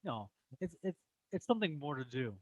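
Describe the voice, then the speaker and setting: A man's voice: a little high, sing-song, fairly quick, darkish tone, dry recording. Offhand male podcast guest, dry sound. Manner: short offhand replies. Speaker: podcast co-host. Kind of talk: casual podcast chat.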